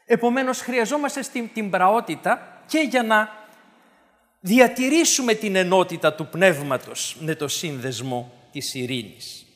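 A man preaches a sermon in a high, lively voice that swings widely in pitch. He builds to emphatic, insistent bursts and then drops low. A long reverb trails behind him, as if he were in a large hall.

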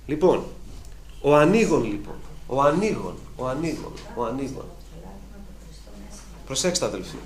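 A man's voice: medium pitch, animated, long pauses. Man, preacher, sermon, emphatic, repeats phrases, echoey room, faint background hum. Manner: emphatic, repetitive, rising to fervent peaks.

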